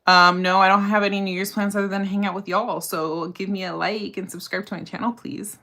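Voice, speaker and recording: A woman's voice: medium pitch, little pitch movement, fairly quick, sharp tone. A woman, chatting casually on a livestream while doing her makeup, answering viewer questions about criminal law with plenty of fillers and asides. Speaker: livestream host and criminal defense lawyer.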